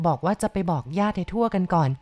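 A frightened young village woman, voiced by a woman storyteller, passing on news in a hushed, half-whispered tone. The voice is lowish and soft, as in a spoken ghost storybook. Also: lively intonation, fast talker, lightly acted. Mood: fearful.

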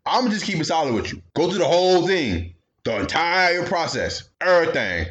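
A young man hosting a podcast tells a casual, comedic story in slang, briskly and animatedly, acting out the voices of the people in it. His voice is on the high side.

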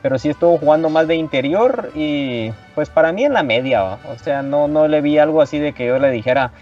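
A man muses on players in a casual football podcast, thinking aloud and dropping tags as he goes. His fairly high voice comes from away from the mic. The audio is dull, with faint music behind. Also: lively intonation, fairly quick, far from the mic. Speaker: podcast co-host. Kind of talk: casual sports chat.

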